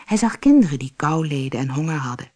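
A woman reading a fairy tale aloud for an audiobook in a calm, clear storytelling manner. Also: deep voice, quick pace. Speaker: narrator. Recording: faint music behind the voice.

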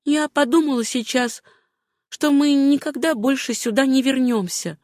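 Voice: sits high, moderate pace, a little mellow, no echo, voice pushed up, close to an everyday voice. A resolute young woman from an audiobook, played by a reader with a lifted voice. She speaks in short, firm phrases and keeps her words to a minimum. The recording is dry. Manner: curt, determined. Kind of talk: audiobook character voice.

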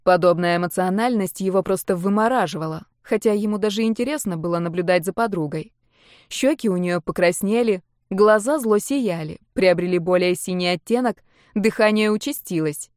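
A woman narrating a romance novel as an audiobook in an even, measured voice. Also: medium pitch, dry recording, studio quality. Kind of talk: scripted narration.

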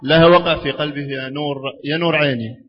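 A man in the audience answers the speaker briefly and earnestly. His voice is husky, slightly high and quick. The sound is dull and rings out through a long hall. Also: fairly even intonation. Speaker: audience member. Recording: dull, echoey hall mic.

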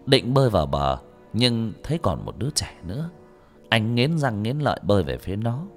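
Brief: male story narrator, lowish voice with lively pitch, faint music behind. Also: normal speed. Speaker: audiobook narrator.

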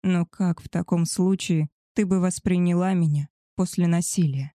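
A woman voicing a male werewolf alpha, a tender and possessive lover, in a soft, husky murmur for an audiobook. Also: fairly low pitch, fairly even intonation, normal speed, dry recording, clean studio sound, lightly acted. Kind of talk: audiobook character voice.

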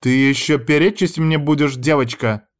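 A man voicing a strict, cold woman who teaches dance, scolding her pupils in a raised, sharp voice. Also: mid-range voice, normal speed, pitched above the performer's own voice, close to an everyday voice.

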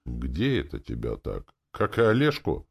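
Loud old village carpenter, voiced by a male reader: bossy, folksy, gravelly, in an audiobook. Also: extremely low pitch, wildly swooping pitch, a little slow, heavily acted. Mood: curious. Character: boisterous old village carpenter, hard-drinking joker.

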